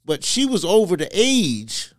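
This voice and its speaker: A man from Ivory Coast, giving personal testimony as a podcast guest in halting, hesitant phrases. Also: high voice, very animated, no room sound. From Ivory Coast, West Africa. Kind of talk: personal testimony in a conversational interview.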